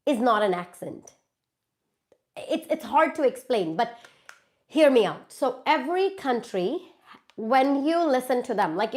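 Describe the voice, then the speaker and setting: Stuffy with a cold, a woman from India chats with viewers on a phone live stream, hosting a Q&A as a YouTuber. Her voice sits high and a little mellow, and she reads viewer comments aloud and replies to them in a chatty way.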